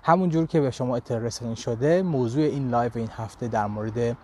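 A man's voice: mid-range voice, darkish tone, husky. A man teaching a live online language lesson, with a Persian accent in his English, talking animatedly and checking in with his students often.

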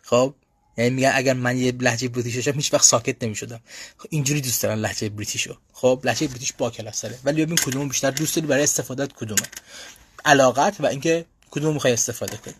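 A man's voice: mid-range voice, a little hiss or hum. A man hosting a casual live question-and-answer stream for language learners, talking loosely with frequent fillers and restarts. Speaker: language school host answering viewer questions. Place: lives in Europe.

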